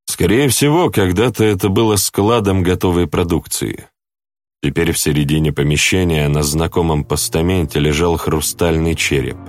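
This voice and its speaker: A man narrating a story in the first person, in a steady, wry reading voice. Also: sits low, normal speed, no echo, studio quality. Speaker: audiobook narrator.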